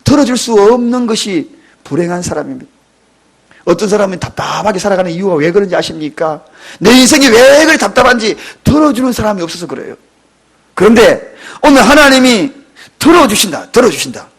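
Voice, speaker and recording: Husky high-voiced man preaching passionately. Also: animated, fairly quick. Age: 50s. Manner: emotional, dramatic preaching with sudden loud cries. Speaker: pastor. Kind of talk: sermon. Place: church sanctuary.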